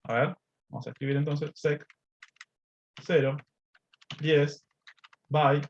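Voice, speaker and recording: Teacher with a dull lo-fi sound. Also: male voice, on the high side, steady tone, takes it slowly, gravelly, a little hiss or hum. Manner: explains step by step, checks in with "¿sí?" and "este". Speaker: math teacher. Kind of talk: screen-recorded coding lesson. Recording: slightly dull lo-fi audio.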